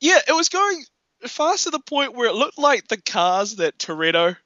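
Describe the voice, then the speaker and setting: A man in casual film chat, animated, laughing often and acting out quotes. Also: very high voice, moderate pace, no room sound, muffled recording.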